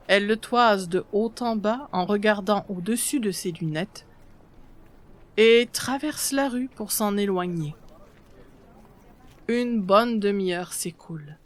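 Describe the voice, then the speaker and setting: A woman narrates a literary story in an expressive reading style. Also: mid-range voice.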